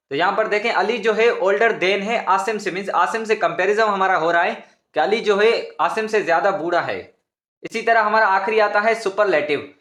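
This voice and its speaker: High-voiced man teaching grammar in a roomy echo. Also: a bit bright. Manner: patient, repetitive, addresses viewers as students. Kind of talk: explanatory classroom lesson.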